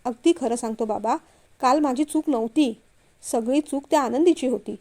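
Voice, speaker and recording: A woman's voice: high-pitched, normal speed, dark tone. A woman voicing a sulky, childish young man who pleads and whines to his father in a storybook reading. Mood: pleading. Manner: pleading, whiny.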